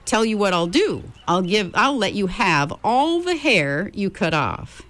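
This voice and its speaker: A woman's voice: medium pitch, very animated, a little slow, a bit bright, no room sound, pitched above the performer's own voice. A woman reading an audiobook, voicing a talkative, eccentric male gold miner with a drawling frontier dialect. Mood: genial. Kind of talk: audiobook character voice.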